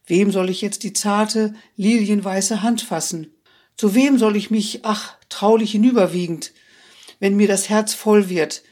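A narrator reads old literary prose aloud in the first person. The voice is husky and mid-pitched. The delivery is expressive and wistful. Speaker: audiobook narrator. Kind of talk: literary audiobook reading.

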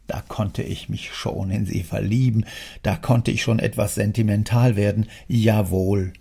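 A man voicing a stern, wealthy old father who scolds his son in an audiobook, speaking in a gravelly, husky, lecturing way. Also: lowish voice, fairly even intonation, a little slow, warm tone, heavily acted. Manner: lecturing, indignant, declamatory. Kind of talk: audiobook character reading.

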